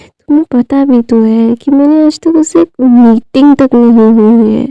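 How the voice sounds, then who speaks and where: A playful young man who teases and coaxes his partner, as a woman narrator reads him. The voice sits dark and gravelly, a touch higher than most. It comes through a dull, lo-fi, dry recording. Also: unhurried, dry recording. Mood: teasing. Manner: teasing, coaxing. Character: playful teasing young man, affectionate lover.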